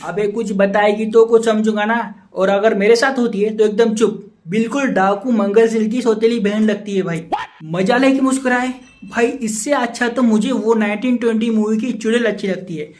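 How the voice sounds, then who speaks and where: A man's voice: high-pitched, fairly even intonation, moderate pace, darkish tone. A man playing a frustrated young boyfriend who rants and badgers his friend with repeated questions in a comedy sketch. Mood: ranting. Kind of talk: Hindi comedy sketch dialogue.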